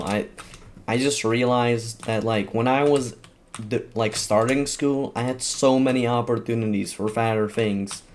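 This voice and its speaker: A man's voice: mid-range voice, slight background noise. A man who is a gaming YouTuber, telling a rambling story while playing and often laughing at himself. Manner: rambling, self-mocking, laughing at his own story.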